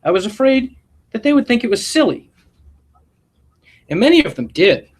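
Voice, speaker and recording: A man with a very high-pitched voice reads a picture book aloud to schoolchildren the way a principal might. His storytelling is expressive and deliberate, sprinkled with short asides.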